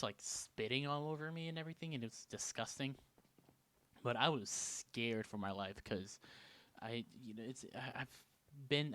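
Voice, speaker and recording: A man from Canada telling a story in a casual vlog, animated, jumping between loud bursts and hushed asides. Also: on the low side. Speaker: vlogger.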